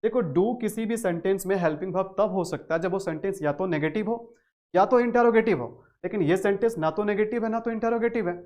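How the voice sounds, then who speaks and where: A man's voice: sits high, fairly quick, a little mellow. A man with a Hindi accent teaching a spoken English grammar lesson, repeating key phrases and stressing words hard.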